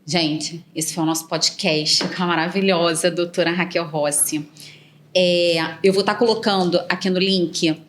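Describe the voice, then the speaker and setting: A woman's voice: on the low side, steady tone, measured pace, slight background noise. A woman hosting a podcast, making short backchannel remarks and asking friendly questions. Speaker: podcast host. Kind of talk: casual podcast interview.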